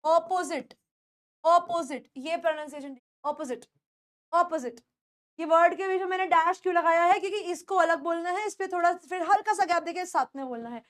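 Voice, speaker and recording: A woman with an Indian accent teaching spoken English pronunciation, repeating words slowly and quizzing her students. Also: very high voice. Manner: drills words by repeating them slowly, asks the class questions.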